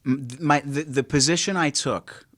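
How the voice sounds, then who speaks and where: A man's voice: a little high, normal speed, a bit bright, no echo, studio quality. A man co-hosting a podcast in casual chat, making his points with emphatic repetition. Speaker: podcast co-host.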